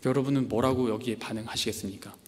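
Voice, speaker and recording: A man's voice: mid-range voice, steady tone, quick pace, in a large hall. A man preaching a devotional sermon, acting out pleading prayers and complaints with rising intensity. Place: church camp meeting hall.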